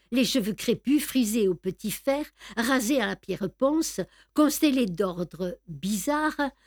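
Woman reading an old novel out loud, slow and steady, dry close sound. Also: a little high, no echo. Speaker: narrator. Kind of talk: scripted narration of a classic novel.

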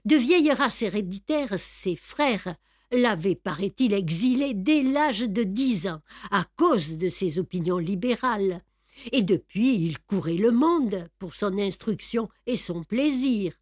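A woman narrating a classic novel aloud with measured, expressive storytelling. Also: medium pitch, dry recording, studio quality.

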